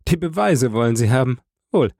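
A man voicing a bold, defiant young male defendant in an audiobook, quick and taunting. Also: medium pitch, animated, creaky, a little mellow, dry recording, clean studio sound. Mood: mocking.

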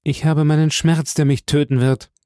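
A man's voice: fairly high pitch, little pitch movement, normal speed, mellow, no room sound, studio quality, voice pushed up, natural voice. A man voicing a grieving young male soldier, speaking with rising passion and pleading outbursts. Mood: despairing.

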